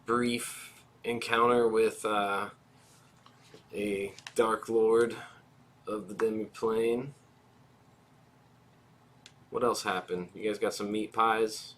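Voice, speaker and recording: Easygoing low-voiced game master. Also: male voice, level tone, takes it slowly, pauses often, a bit bright, a little hiss or hum. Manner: easygoing, recapping. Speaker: dungeon master. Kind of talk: running a tabletop game over video call.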